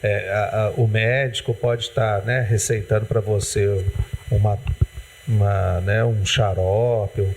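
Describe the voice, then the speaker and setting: Slow and fairly even in intonation, a man with a lowish, darkish voice and a Brazilian Portuguese accent questions a guest on a community TV health show. Recorded in a TV studio with slight background noise, he asks meandering, hesitant questions filled with "né."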